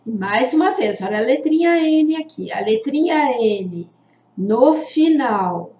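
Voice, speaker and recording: A woman teacher giving a children's literacy lesson, drawing out syllables slowly and deliberately. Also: a little high, expressive, a little mellow. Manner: slow, deliberate, stretches out syllables for young learners. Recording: echoey room.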